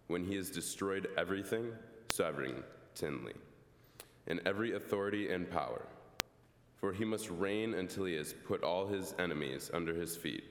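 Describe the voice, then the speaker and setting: A man reading scripture aloud at Mass in a slow, measured way. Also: low-pitched, gravelly. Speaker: lector. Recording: echoey church hall.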